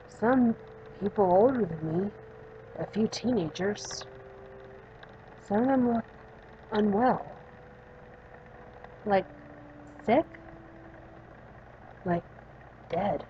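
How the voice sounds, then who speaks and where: Shy young girl patient from a story game, soft and halting, a little lower and quieter than usual, as a woman puts her on, on a dull mic with faint hiss. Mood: hesitant.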